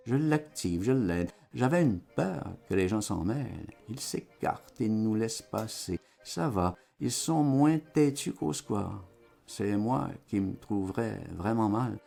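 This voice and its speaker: A man giving a lively, theatrical dramatized reading of a literary text as an audiobook. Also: on the low side, gravelly. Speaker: audiobook reader.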